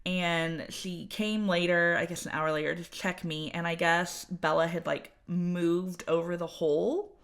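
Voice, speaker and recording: A woman's voice: fairly low pitch, steady tone, unhurried, few pauses. A woman, chatting as podcast co-host and telling a personal story with lots of fillers and quoted voices. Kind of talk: casual chat, telling her birth story.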